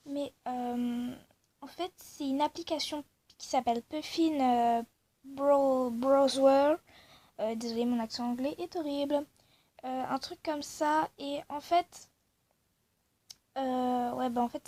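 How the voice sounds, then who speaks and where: Chatty high-voiced girl narrating a game. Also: a little mellow. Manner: chatty, rambling with many fillers. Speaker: gaming video creator. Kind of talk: casual gameplay commentary. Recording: faint background noise.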